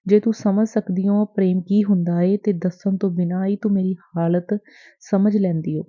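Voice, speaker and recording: A woman's voice: medium pitch, fairly even intonation, normal speed, warm tone, natural voice. Woman reading an earnest lovesick young man. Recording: dry, tinny phone-like sound.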